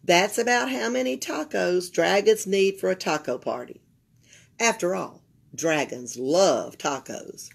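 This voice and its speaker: Indoors at a library table, a library storyteller reads aloud from a picture book, full of expression and pausing for remarks to the children. She's an older Southern woman from Alabama whose slightly raspy voice sits on the low side.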